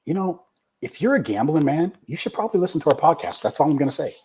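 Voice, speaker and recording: A man co-hosting a podcast, chatting in a relaxed, self-deprecating way about fights. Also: fairly high pitch, fast, a little hiss or hum. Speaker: podcast co-host. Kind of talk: casual fight recap chat.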